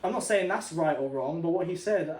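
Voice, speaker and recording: A man's voice: a little high, a little fast, a little mellow. A young man co-hosting a podcast in casual chat, thoughtful and hedging his points with "like" and "you know". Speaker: podcast co-host. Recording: roomy with faint noise.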